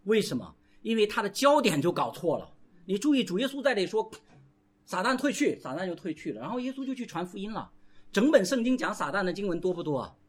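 A male pastor preaching a sermon, animated and calling out to the congregation for responses. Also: sits high, quick pace, breathy edge.

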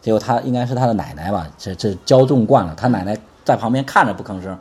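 A man preaching a conversational sermon, lively and constantly asking the congregation to answer back. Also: lowish voice, fast, slightly rough.

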